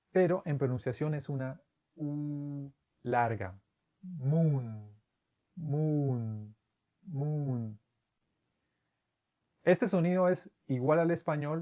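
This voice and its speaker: A man whose first language is Spanish explains English vowel sounds in a steady, methodical way. He repeats each sample word slowly to demonstrate it. His voice sits a little high, and the recording is dull and lo-fi. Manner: patient, methodical, drawn-out demonstration words. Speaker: English pronunciation teacher. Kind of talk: instructional explanation.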